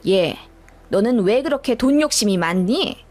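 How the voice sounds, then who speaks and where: A woman's voice: high voice, lively intonation, moderate pace. Woman voicing a scolding older mother-in-law. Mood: accusing. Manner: scolding, accusing.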